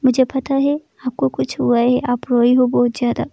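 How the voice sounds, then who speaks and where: A woman voicing a worried, loving young woman who softly coaxes her partner to open up, in a told love story. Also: high-pitched, flat delivery, normal speed, vocal fry, no echo. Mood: tender pleading. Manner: coaxing, pleading, soft and tender.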